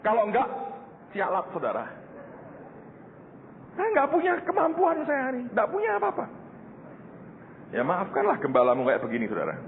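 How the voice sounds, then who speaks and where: A man's voice: high-pitched, wildly swooping pitch, normal speed, pauses often, a little hiss or hum. An older man preaching a sermon to his congregation as their pastor, telling stories with jokes and often calling them "saudara". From Indonesia. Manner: storytelling, joking, addresses the congregation as "saudara". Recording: reverberant hall through a phone-like channel.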